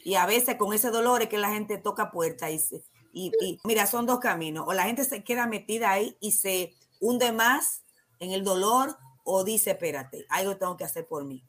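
Speaking at a moderate pace with a medium-pitched voice, a Dominican-accented woman serves as a guest counselor on a talk show. Her explanations are calm and instructive, and she tends to raise questions and then respond to them herself.

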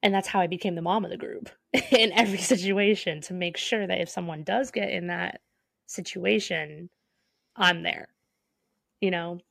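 A young woman chats on a podcast with a gravelly, creaky edge to her voice. She speaks earnestly and emphatically and laughs often. The recording is dry and close. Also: on the low side, moderate pace, fairly bright tone, no echo. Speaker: podcast co-host. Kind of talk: casual chat.

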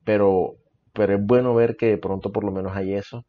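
A man's voice: fairly low pitch, steady tone, fairly quick. A man in casual podcast conversation, giving his opinions earnestly and repeating phrases for emphasis. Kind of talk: casual chat. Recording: slightly dull, lo-fi sound.

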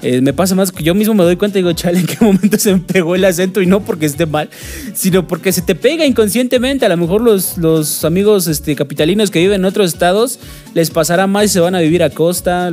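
With a high voice and darkish tone, a Mexico City podcast host chats casually in chilango-accented Spanish. He's slangy, swears often, and leans on many fillers. The recording uses a studio microphone.

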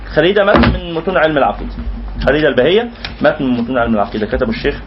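A man's voice: a little high, expressive, very fast, muffled recording, faint music behind. A man with an Egyptian accent teaching a lecture, explaining terms word by word and restating them again and again. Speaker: religious teacher. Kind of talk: lecture explaining a classical poem.

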